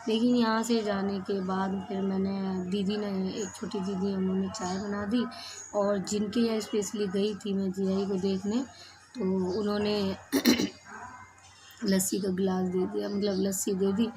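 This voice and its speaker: A woman's voice: medium pitch, little pitch movement, unhurried, noisy background. A woman vlogger chatting casually to camera in a rambling, homely way while recovering from a cold.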